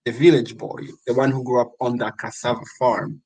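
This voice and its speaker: A man hosting an interview, asking questions slowly with frequent fillers. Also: mid-range voice, steady tone, vocal fry, darkish tone, slightly rough, poor audio. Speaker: interview host.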